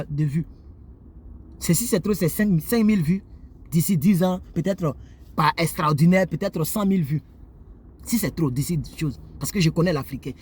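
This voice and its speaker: A man's voice: high-pitched, slightly rough. A man from Côte d'Ivoire, seated indoors and delivering a preachy monologue straight to his viewers. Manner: animated, preachy, addresses viewers directly. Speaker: YouTuber. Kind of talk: moralizing monologue to camera.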